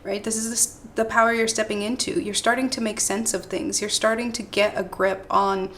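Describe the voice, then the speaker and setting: A woman's voice: medium pitch, level tone, brisk, a bit bright. Lady doing a tarot card reading, rambly and chatty, keeps going "right? okay?", bit of faint hum behind her. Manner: digressive, checks in with "right?" and "okay?". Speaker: tarot reader.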